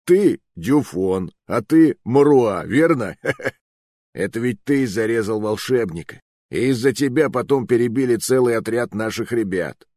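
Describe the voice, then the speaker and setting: A man's voice: medium pitch, expressive, unhurried, darkish tone, dry recording, studio quality. A man doing a sneering bearded officer. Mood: ingratiating. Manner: sneering, scoffing. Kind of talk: audiobook narration.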